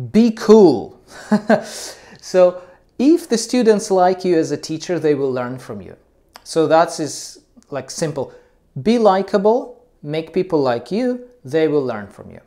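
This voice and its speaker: This English teacher, not a native speaker, chats informally on camera about teaching, his speech loose and dotted with ums and uhs. His voice is fairly high and mellow.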